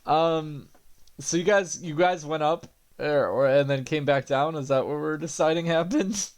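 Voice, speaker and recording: Halting, laughing young man as game master. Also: on the high side. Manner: laughing, halting, many restarts. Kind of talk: narrating a tabletop game.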